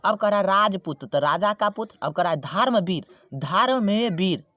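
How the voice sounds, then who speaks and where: A man teaching a Hindi grammar lesson, repeating key words and asking rhetorical questions, slowing down to spell out terms. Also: sits high, expressive, bright, forceful tone, dry recording. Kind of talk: classroom-style grammar lesson.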